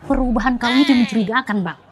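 A woman's voice: a little high, fast talker, natural voice. A woman playing a jealous, nagging young wife with a Medan accent, firing accusing questions at her husband in a comedy sketch. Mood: suspicious. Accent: Medan Indonesian.

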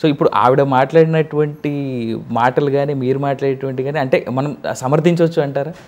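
A man's voice: medium pitch, fairly even intonation, brisk, a little mellow, highs cut off. A man with a Telangana Telugu accent, interviewing a politician with polite but persistent questions. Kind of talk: news interview.

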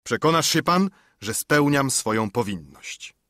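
A man's voice: medium pitch, lively intonation, measured pace, pushed and bright, no echo, clean studio sound. A man reading an audiobook, voicing a stern, curt ship's captain who speaks in clipped commands.

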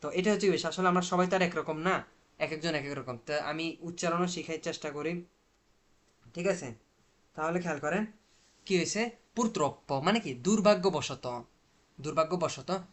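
High-voiced man teaching Italian. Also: moderate pace, pauses often, a bit bright. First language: Bengali. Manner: repetitive, asks and answers his own questions. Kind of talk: explaining a dialogue line by line.

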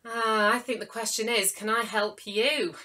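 A woman's voice: fairly high pitch, steady tone, a little slow, sharp tone. A woman voicing a posh, proud female pigeon who fusses over her shiny feathers in a storybook tale. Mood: knowing. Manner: posh, indignant then kindly.

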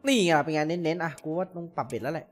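A man giving casual, excitable commentary while playing an online slot game, often cursing at the results. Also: a little high, very fast, faint music behind.

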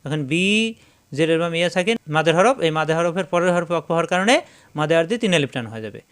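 Smooth-voiced man teaching Quran spelling. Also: a little high, a bit bright. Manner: spells syllables slowly, then chants the verse drawn out. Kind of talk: spelling-out recitation lesson.

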